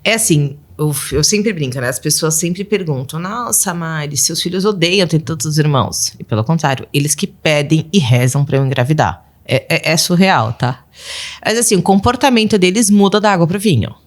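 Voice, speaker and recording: A woman's voice: low voice, animated, moderate pace. A woman in her thirties, a podcast guest and mother of twelve, telling casual stories and acting out her children's voices with frequent laughs. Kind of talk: casual storytelling interview.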